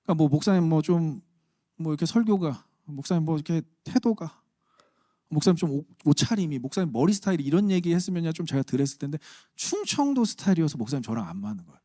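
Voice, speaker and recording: A man's voice: fairly high pitch, big pitch swings, quick pace, mellow, no echo, clean studio sound. A man preaching a sermon as pastor, conversational and humorous with emphatic turns. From Chungcheong region, Korea.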